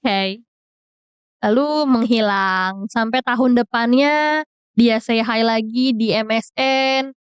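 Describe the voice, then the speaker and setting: A woman's voice: a little high, takes it slowly, clear, resonant tone, no echo, lo-fi sound. A young woman telling a storytime in casual, slang-heavy chat, mixing English words in. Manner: chatty, mixes English into slang-heavy Jakarta speech. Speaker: vlogger.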